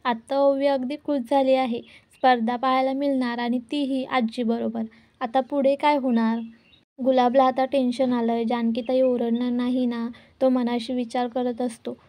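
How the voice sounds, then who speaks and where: A woman narrates a soap-opera episode in a high, mellow voice. Her telling is dramatic and scripted, and she keeps turning to address her viewers. The tone stays rounded and gentle, never sharp. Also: level tone, normal speed. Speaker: serial episode reviewer.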